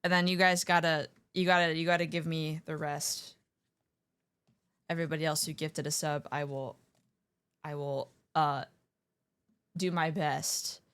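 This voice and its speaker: A woman's voice: low voice, little pitch movement, a little slow, long pauses, a bit bright, clear, resonant tone, no echo. A woman livestreamer chatting casually with her viewers in a playful, slangy gamer manner, scattered and often interrupting herself. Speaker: livestreamer hosting an art stream.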